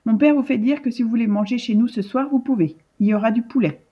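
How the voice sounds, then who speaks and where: A woman voicing a cheeky, mischievous little girl in a storybook, with a husky voice. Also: a little high, fast talker, highs cut off. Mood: calling.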